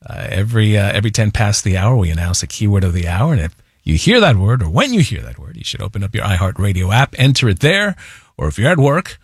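A man hosting an evening radio show in a smooth, relaxed DJ manner, chatting easily between segments with small fillers. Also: lowish voice, quick pace, dry recording, studio quality. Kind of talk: smooth radio host patter. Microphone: studio mic.

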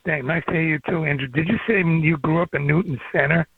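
A man's voice: fairly high pitch, fairly even intonation, fast talker, slightly rough, no room sound. An older man calling in to a radio show from outdoors on an old flip phone. He rambles and hops from one topic to the next. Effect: old flip phone call. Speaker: caller. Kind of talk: casual call-in chat. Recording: dry, tinny phone line.

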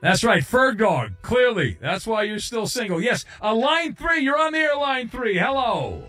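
A man hosting a live sports call-in radio show, talking to callers with a smooth, easy radio host delivery. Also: very high-pitched, very animated, unhurried, bright, forceful tone, faint music behind.

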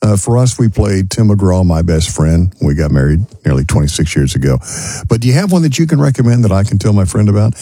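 A man's voice: low-pitched, sing-song, a little fast, warm tone, husky, no echo. A middle-aged man with a twangy West Texas accent, presenting country radio in a casual, folksy, conversational way.

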